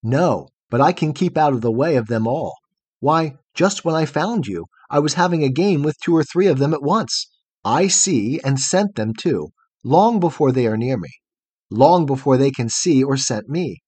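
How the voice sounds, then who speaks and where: A man voicing a brave, gentle young woman of the night who coaxes and protects her frightened companion. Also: mid-range voice, normal speed, breathy edge, no echo. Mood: coaxing. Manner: calm, coaxing, protective.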